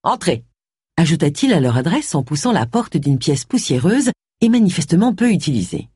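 A woman's voice: low voice, big pitch swings, normal speed, mellow, husky, no room sound, heavily acted. A woman reading a storybook who voices a smug, suggestive older male politician, close to her own voice.

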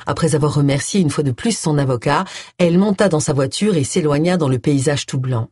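An audiobook narrator reading a crime novel in an expressive storytelling manner. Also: medium pitch, a little fast, slightly rough, no echo, clean studio sound. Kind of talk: scripted narration.

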